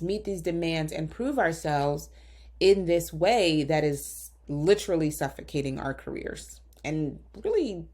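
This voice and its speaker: A woman physician hosting a solo podcast, talking earnestly and directly to listeners, slightly hoarse from a lingering cough. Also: low-pitched, darkish tone. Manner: earnest, coaching, direct address.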